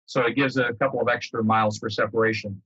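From a book-lined room at home, a retired air traffic controller from America talks as a guest speaker on a video call, loosely explaining and rewording his points. His voice is mid-range, quick, fairly bright and husky, with little pitch movement. The computer microphone makes it sound dull, roomy and lo-fi.

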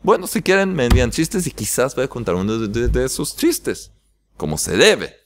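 A man teaching a weekly religious lesson, telling a joke with lively, laughing delivery. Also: medium pitch, moderate pace. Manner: animated storyteller, laughing at his own joke. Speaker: rabbi teacher. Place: yeshiva in Jerusalem.

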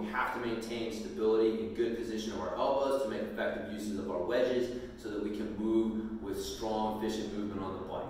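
A man's voice: medium pitch, slight background noise. A middle-aged man explaining bike technique casually, with frequent fillers, in a home gym filmed from a far camera. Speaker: mountain bike strength coach. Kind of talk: instructional video talk. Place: home gym with hard floor. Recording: echoey room from far off.

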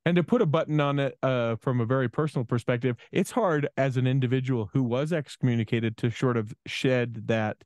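A man's voice: mid-range voice, a little fast, hardly any pauses, darkish tone, dry recording. A man in his forties, a podcast co-host in casual conversation, speaking reflectively with frequent restarts into a studio microphone. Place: small studio room. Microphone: studio microphone with headphones.

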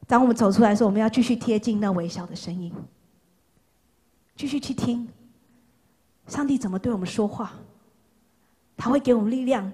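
A woman preacher giving an impassioned sermon to young people, repeating phrases for emphasis and swinging from loud calls to hushed words. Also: medium pitch, husky.

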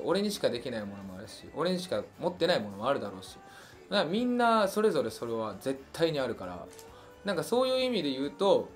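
Young man, Hiroshima accent, singer hosting a fan stream, casual rambling chat, lots of fillers, animated pitch, faint background music. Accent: Hiroshima Japanese. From Hiroshima, Japan. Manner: relaxed and chatty, muses aloud with many fillers. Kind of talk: casual chat answering listener questions.

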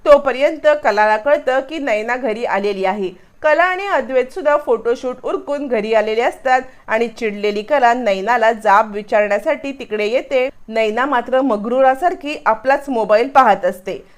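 A woman's voice: on the high side, moderate pace, hardly any pauses. A woman narrating a recap of a television serial episode as a plain storyteller, reading out every character herself.

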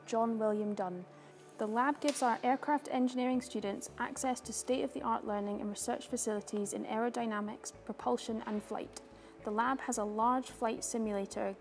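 A young woman giving a scripted guided tour, calm and informative like a guide, speaking clearly. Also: fairly high pitch. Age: young adult. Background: background music.

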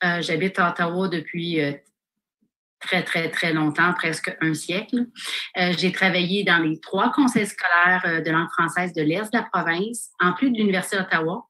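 Give me a middle-aged woman from Northern Ontario, a school director speaking in a measured, formal way over a video call. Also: on the low side, sharp tone, poor audio. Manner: measured, formal, with frequent "euh" fillers. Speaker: director of education. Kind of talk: committee introduction on a video call.

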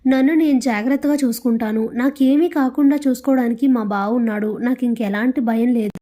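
A woman's voice: fairly high pitch, steady tone, a little fast, mellow, natural voice. A woman voicing a defiant young wife.

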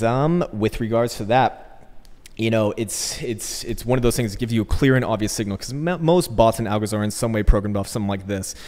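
A man's voice: fairly low pitch, a little mellow. A man giving casual, rambling market commentary with jokey, coarse slang, recorded in a bare echoey room like a warehouse. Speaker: host of crypto trading channel. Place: indoors, untreated hard-walled room.

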